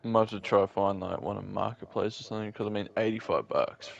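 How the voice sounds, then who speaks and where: A man speaks in a low, creaky voice. He is laid-back and matey, in casual gamer chat. The sound is dull and lo-fi, like online voice chat. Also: brisk, no echo. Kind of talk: casual chat about gaming.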